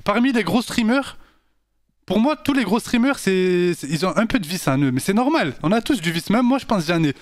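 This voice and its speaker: A man streaming live, chatting casually and directly with his viewers in an animated, slangy way. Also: high voice, fairly quick, dry recording, studio quality. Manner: animated and slangy, talks straight to his chat.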